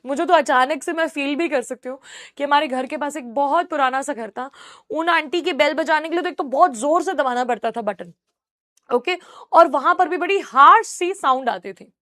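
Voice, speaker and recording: High-voiced woman teaching English. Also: fairly bright tone. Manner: reads English lines slowly, then explains them in Hindi, calls students "my child". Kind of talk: classroom lecture explaining a story.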